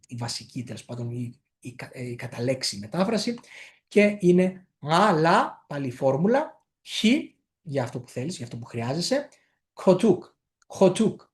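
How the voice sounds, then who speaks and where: A man giving a casual spoken language lesson, explaining patiently and repeating phrases slowly so they can be copied, with frequent hesitant fillers. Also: a little high, a little mellow. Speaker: language teacher.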